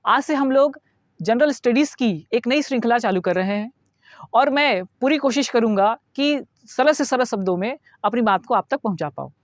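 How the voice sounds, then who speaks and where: A man's voice: extremely high pitch, expressive, normal speed, no room sound, studio quality. A man teaching a lecture, explaining step by step, repeating key words and asking his students questions. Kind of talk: classroom lecture.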